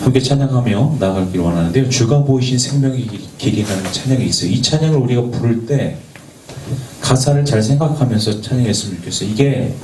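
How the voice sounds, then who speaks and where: A man's voice: mid-range voice, lively intonation, fast, darkish tone. A man preaching as a youth pastor in a church, speaking earnestly and putting rhetorical questions to the young people, sometimes stumbling over his words and joking about it. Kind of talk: sermon. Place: church worship space. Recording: echoey, from a distance, faint background noise.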